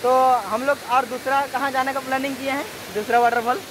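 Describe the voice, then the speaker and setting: Beside a roaring waterfall, a chatty man records a casual travel vlog, rambling and laughing often in a very high, fast voice with little pitch movement. Loud hiss from the falling water fills the recording.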